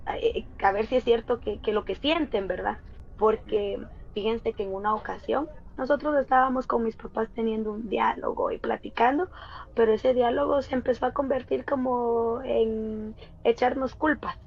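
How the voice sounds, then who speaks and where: A woman's voice: on the high side, fairly even intonation, normal speed, creaky. A woman, earnestly telling a personal story as a guest and speaking straight to her listeners. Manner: earnest, often addresses listeners directly. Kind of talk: casual storytelling. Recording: dull lo-fi sound.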